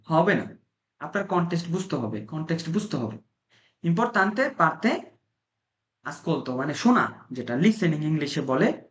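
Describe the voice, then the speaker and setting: A man's voice: sits high, a bit bright, lo-fi sound. A man from Bangladesh teaching an informal language class, coaching his listeners and repeating key points. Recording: roomy echo.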